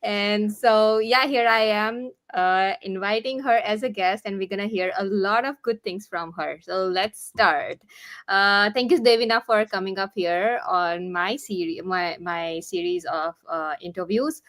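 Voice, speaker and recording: Hosting a relaxed live interview online, a woman speaks in a mid-range, fairly bright voice. She is sincere and supportive, but often stumbles, restarting sentences and filling gaps with fillers.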